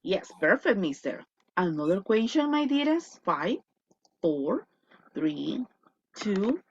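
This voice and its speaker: A woman's voice: mid-range voice, slight background noise. A woman teaching an online English class, mixing Spanish and English and drawing out example words. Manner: lively, switching between Spanish and English, drawn-out model words. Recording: lo-fi video call audio.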